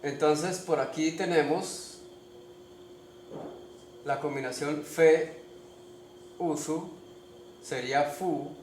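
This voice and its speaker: Guy teaching spelling really slowly, kinda high voice, pauses a lot, echoey room w a bit of hiss. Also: a little mellow. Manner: slow and deliberate, pausing often, checking with "¿ok?". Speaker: language teacher. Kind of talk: slow spelling lesson. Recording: echoey room with faint background noise.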